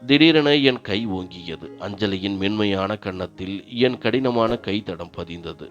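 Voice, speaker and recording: A man narrating a first-person story in a grave, steady manner. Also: low-pitched, measured pace. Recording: dull lo-fi narration with faint music.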